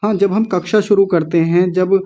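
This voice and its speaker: Stern Sanskrit teacher drilling pronunciation. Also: male voice, sits high, steady tone, normal speed, mellow. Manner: stern, scolding students, drilling pronunciation syllable by syllable. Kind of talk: online class teaching. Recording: dull lo-fi audio.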